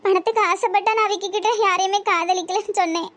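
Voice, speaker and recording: Sad cartoon girl, tirunelveli tamil accent, super high squeaky voice, self-pitying. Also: fairly even intonation, quick pace, a bit bright. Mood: sorrowful. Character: heartbroken young woman blamed for love.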